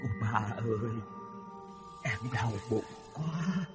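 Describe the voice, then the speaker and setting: A man's voice: medium pitch, lively intonation, slow, over music. A man doing a faint wailing ghost girl. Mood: pleading.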